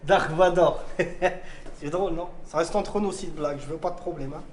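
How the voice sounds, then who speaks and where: A man in a comedy sketch who plays a coach and gives bossy, rapid-fire orders to his team. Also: fairly high pitch, heavy background noise.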